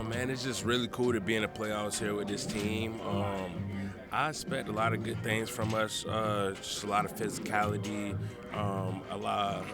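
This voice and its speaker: A young man, a football player, answering casually in a locker room interview. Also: fairly low pitch. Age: young adult. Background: loud music.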